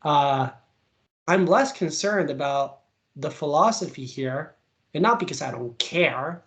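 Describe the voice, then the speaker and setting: In a fairly high-pitched voice, a young Venezuelan man who works as a political commentator takes interview questions. He's informal and animated, leaning on lots of fillers and talking in rapid bursts.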